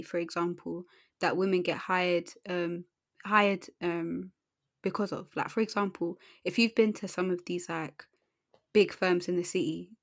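A woman's voice: fairly low pitch, no echo, clean studio sound. A young woman co-hosting a podcast in slangy, playful banter, often repeating phrases for emphasis. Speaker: podcast co-host.

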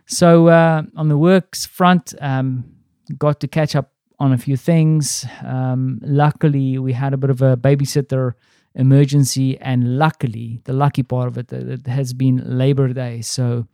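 A man's voice: medium pitch, flat delivery, moderate pace, creaky, hardly any pauses, mellow, clean tone, no room sound, studio quality. A South African man, a father and podcast host, talking through his day in a rambling, reflective way with many ums and restarts. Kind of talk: casual spoken diary. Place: apartment.

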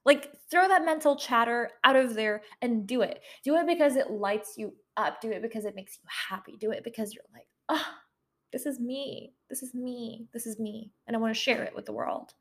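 A woman's voice: fairly high pitch, brisk, hardly any pauses. A woman in her twenties hosting her own podcast, talking in an emotional, effusive way, swearing casually and getting teary. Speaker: podcast host. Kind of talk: personal podcast monologue. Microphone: handheld microphone.

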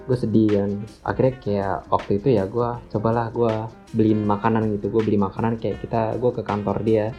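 A man's voice: lowish voice, flat delivery, a little fast, mellow. Brief: young man, rambling self-mocking storyteller, dull lo-fi audio, faint guitar. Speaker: podcast guest. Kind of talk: casual chat. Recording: slightly dull lo-fi sound, faint music.

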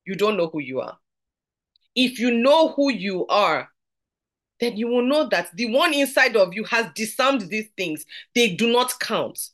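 A woman teaching a podcast Bible study, conversational and earnest, slowing down to read scripture aloud. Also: a little high, very animated, a bit bright.

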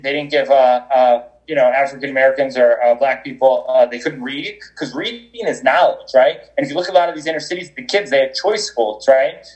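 The audio is poor on this remote call, where a man of medium pitch speaks as a guest on a podcast. He's energetic and conversational in the interview, though he rambles, restarts often, and leans on fillers.

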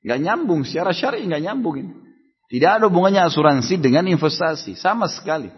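At a religious study gathering, a man preaches and answers questions in a loose, conversational sermon, very animated and quick, tossing rhetorical questions at listeners. His slightly husky, middling-pitched voice sounds dull and lo-fi inside a long hall echo.

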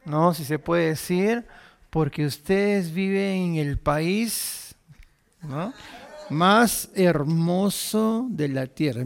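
Un predicador nacido en Argentina que da un sermón conversado y bromista ante una congregación. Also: male voice, high voice, gravelly, clean tone. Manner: warm, chatty, jokes with the congregation. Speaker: preacher. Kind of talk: sermon.

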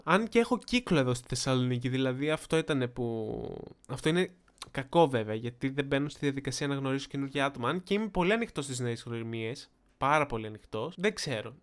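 A young man from Greece telling a casual, chatty story to his viewers and acting out quotes with sudden jumps in pitch. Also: very animated, smooth. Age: young adult. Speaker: vlogger.

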